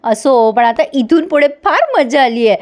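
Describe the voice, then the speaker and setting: A woman retells a television serial episode in a chatty, lively way, turning to the viewers now and then. Her voice sits fairly high. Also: measured pace. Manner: lively, addresses viewers directly. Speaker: serial recap narrator.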